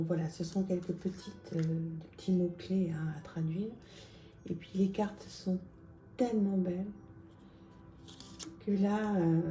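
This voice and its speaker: A woman presenting oracle card decks in a casual, chatty vlog, with lots of small pauses and fillers. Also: lowish voice, mellow, echoey room. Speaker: tarot and oracle card reviewer.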